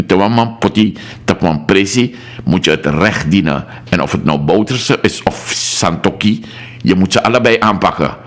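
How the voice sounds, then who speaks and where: A man with a Surinamese Dutch accent hosting a political call-in radio talk show, emphatic and reading out listener messages. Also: lowish voice.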